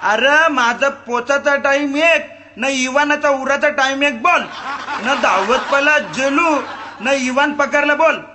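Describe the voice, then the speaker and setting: A rustic, boastful villager with a broad Agri Marathi accent and a very high voice, as a comedian puts him on. He rambles on with laughter in his words. The recording carries a clear background noise. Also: takes it slowly. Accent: Agri Marathi dialect.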